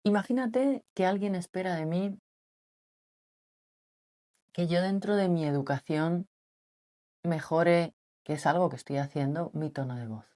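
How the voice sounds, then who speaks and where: Speaking a little slowly and pausing often, a woman who vlogs about relationships reflects on camera in a slightly husky, mature voice. She purposely keeps things soft and low, putting rhetorical questions to whoever is listening.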